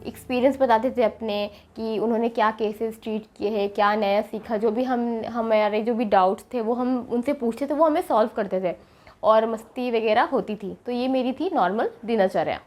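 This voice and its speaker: A young woman who is a medical student walks through her daily routine in a steady vlog, often pausing to think. Her voice is on the high side.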